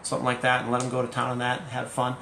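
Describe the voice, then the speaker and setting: Slow, patient man in an echoey room. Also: medium pitch, monotone, creaky. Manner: slow, patient, teacherly, with gentle jokes. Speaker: parenting talk co-host, teacher. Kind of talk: live-stream parenting chat. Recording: echoey room, faint background noise.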